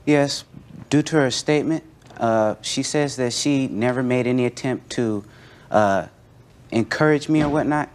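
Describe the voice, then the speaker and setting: A man plaintiff on a TV courtroom show, explaining himself in a hesitant, halting way. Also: medium pitch. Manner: hesitant, halting with filler sounds.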